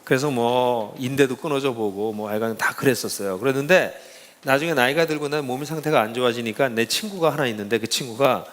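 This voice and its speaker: A middle-aged pastor giving a casual talk to students, telling stories in an animated, informal way. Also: male voice, medium pitch, brisk, big-room sound. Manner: lively storytelling, casual speech to young listeners.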